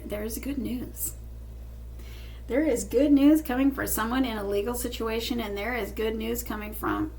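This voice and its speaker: A woman's voice: a little high, darkish tone, a little hiss or hum. A woman giving a tarot reading straight to the viewer, speaking in a reassuring, emphatic way with repeated phrases. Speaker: tarot reader.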